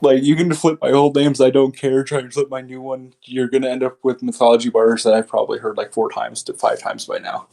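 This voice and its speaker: A man with a gravelly, creaky edge to his voice, chatting as an interview guest. His delivery is laid-back and blunt, and he swears without much thought. His pitch sits right in the middle. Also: flat delivery, a little fast, hardly any pauses, warm tone. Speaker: guest, battle rapper. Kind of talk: casual interview chat.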